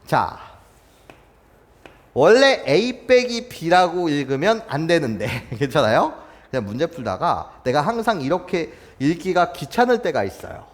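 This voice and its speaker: Lively man teaching a math lesson. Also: fairly high pitch, measured pace, in a large hall. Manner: keeps checking in with students, asking if they follow; playful, chuckles between points. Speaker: math tutor.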